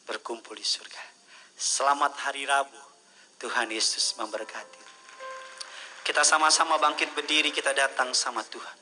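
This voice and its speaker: A middle-aged man from Indonesia preaching a sermon as pastor, swinging from loud, high-pitched calls to hushed, near-whispered words and slipping English phrases in. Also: low-quality recording.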